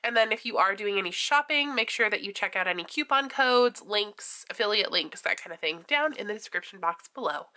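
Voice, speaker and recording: A woman's voice: medium pitch, expressive, a little fast, hardly any pauses, pushed and bright. A woman vlogging casually about her budget planner, chatty and rambling, her voice stuffy and nasal from a cold. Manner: rambling, says 'like' a lot, laughs easily.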